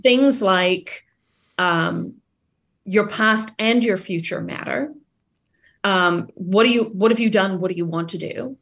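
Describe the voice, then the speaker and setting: A woman talking about hiring as a guest on a video call, lively and acting out the reactions of the people she quotes. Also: mid-range voice, slow pace. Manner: animated, acts out quoted reactions. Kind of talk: casual conversation.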